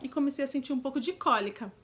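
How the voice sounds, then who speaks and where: A woman's voice: sits high, racing, fairly bright tone, slight background noise. A young woman with a Brazilian Portuguese accent, telling a personal story in a chatty, direct vlog style with frequent asides to the viewer. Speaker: vlogger. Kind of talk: casual storytelling.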